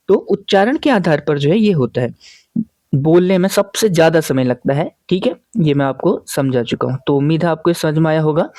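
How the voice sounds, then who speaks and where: A man teaching a grammar class speaks warmly and mellowly, his voice on the high side, as he patiently raises questions and then supplies the answers. Again and again he stops to confirm his listeners are keeping up. The audio is intimate and dry, without any room sound.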